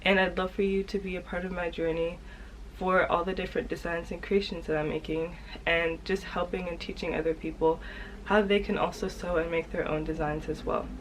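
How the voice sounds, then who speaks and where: A young woman with a slightly nasal, stuffed-up voice from a cold, talking in a casual, halting, informal vlog style. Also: fairly low pitch, little pitch movement, slight background noise, rough recording. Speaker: sewing vlogger.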